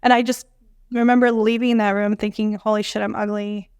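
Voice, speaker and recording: A young adult woman from a Bolivian family, a dietitian guest telling her story in an animated way, full of fillers and acted-out quotes. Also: medium pitch, brisk, smooth, dry recording. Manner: animated, many fillers, acts out quoted dialogue. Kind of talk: conversational storytelling interview.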